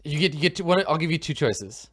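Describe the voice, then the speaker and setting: A man's voice: fairly high pitch, expressive, fast, husky. Rambling male game master. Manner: loose, rambling, many fillers. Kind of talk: narrating a tabletop game.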